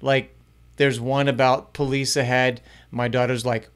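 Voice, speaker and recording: In a small home studio, a middle-aged man who hosts a youth ministry channel walks through a casual tutorial on a close front mic. His medium-pitched voice is clear and resonant with little pitch movement and a measured pace, while his manner stays upbeat and chatty with varying speed.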